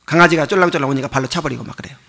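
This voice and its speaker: A man's voice: fairly high pitch, very fast, creaky, sharp tone. A male pastor giving a sermon in a conversational, explaining way, asking his listeners rhetorical questions and chuckling often. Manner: chuckles often while teaching.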